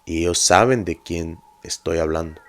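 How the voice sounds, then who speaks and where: A man narrating a paranormal story in a measured, earnest, confiding way. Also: low voice, fairly bright tone.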